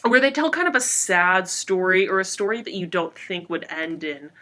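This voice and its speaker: A woman with a slightly low, very bright voice talks through a cloth face mask. She chats casually as a podcast co-host, irreverent and sarcastic. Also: animated, normal speed. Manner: irreverent, sarcastic, swears freely. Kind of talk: casual comedic podcast chat.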